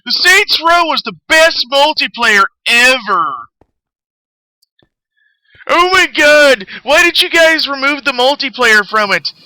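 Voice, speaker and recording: A man's voice: animated, takes it slowly, bright, forceful tone, no room sound, exaggerated voice, low-quality recording. A man with a Southern US accent voicing a whiny, entitled young male online gamer who whines and repeats himself. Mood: whining. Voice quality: shrill, whining, repetitive.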